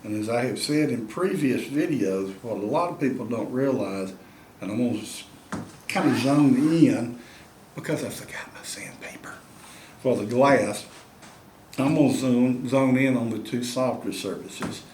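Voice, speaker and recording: A man's voice: mid-range voice, unhurried, a little mellow, roomy sound, slight background noise. A man giving a folksy, drawling tutorial on caring for turkey pot calls and calling y'all to the viewers. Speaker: turkey call maker and instructor. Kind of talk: demonstration tutorial.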